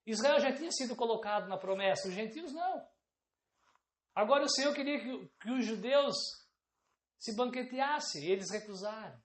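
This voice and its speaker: A woman's voice: on the high side, expressive, normal speed, echoey room, a little hiss or hum. A woman preacher delivering an emphatic sermon, often calling out rhetorical questions to the congregation.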